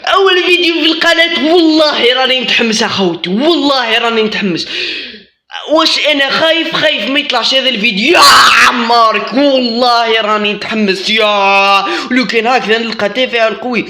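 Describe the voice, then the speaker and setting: Excitable high-voiced Algerian gamer. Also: male voice, a little fast, slight background noise. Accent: Algerian Arabic. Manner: excitable, shouts and makes gunfire noises. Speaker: gaming channel host. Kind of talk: live gameplay commentary.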